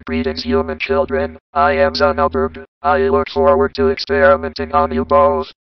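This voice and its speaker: A man's voice: extremely low pitch, monotone, moderate pace, clear, resonant tone, no echo. A man voicing a sinister male alien who speaks stiffly and formally. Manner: stiff, formal, robotic delivery. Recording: dull lo-fi sound.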